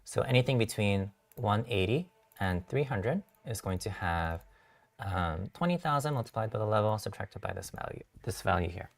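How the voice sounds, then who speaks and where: A man who is a software engineer, hosting a tutorial stream and explaining code step by step, halting with many fillers and self-corrections, his voice a little worn. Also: lowish voice, far from the mic. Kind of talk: live-coding tutorial walkthrough.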